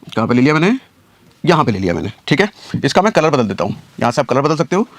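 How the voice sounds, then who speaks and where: A man's voice: medium pitch, big pitch swings, fast, no room sound. A man giving a casual screen-share trading lesson, explaining each step and repeating his points with rhetorical questions. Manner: casual, calls viewers brother. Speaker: trading teacher.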